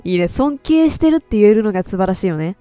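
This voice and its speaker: Excitable woman doing game commentary. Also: mid-range voice, fast talker, no echo, soft background music. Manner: excitable, loud, laughs often. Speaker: game streamer. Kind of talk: let's play commentary.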